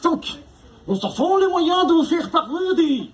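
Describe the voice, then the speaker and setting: A man doing a menacing German officer interrogator in a put-on mock German accent, slow and theatrical. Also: very high-pitched, sing-song, voice pushed up, exaggerated voice. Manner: slow, exaggerated, theatrical threats. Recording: noisy live room.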